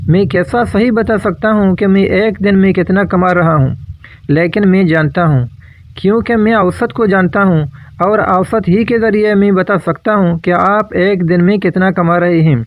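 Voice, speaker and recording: A man's voice: high-pitched, no room sound, narrow, tinny audio. A man explaining a simple math method step by step in a patient lesson, working through examples. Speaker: math teacher.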